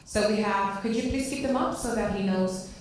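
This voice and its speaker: A woman moderating the question round at a conference in a brisk, organizing manner. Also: medium pitch, a little hiss or hum. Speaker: session moderator. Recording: distant mic in echoey hall.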